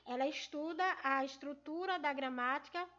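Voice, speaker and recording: A woman teaching in a video lesson, explaining patiently and pausing often to check that her students follow. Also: sits high, a bit bright, muffled recording. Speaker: Portuguese teacher.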